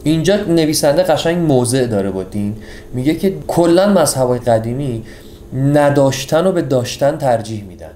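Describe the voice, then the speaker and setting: A man casually summarizing a book for his audience, chatty and jokey, swinging between loud and hushed delivery. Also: medium pitch, expressive, echoey room, slight background noise.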